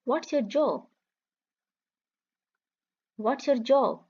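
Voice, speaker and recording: A woman's voice: sits high, expressive, a little mellow, muffled recording. Woman reading practice phrases twice. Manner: says each line twice, clear and measured. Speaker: English teacher. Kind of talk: slow repeated phrase reading for learners.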